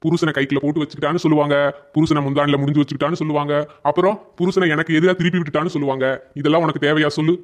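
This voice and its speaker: A man's voice: a little high, level tone, racing, close to an everyday voice. A man voicing a henpecked young husband in a cartoon comedy, placating and sweet-talking his wife.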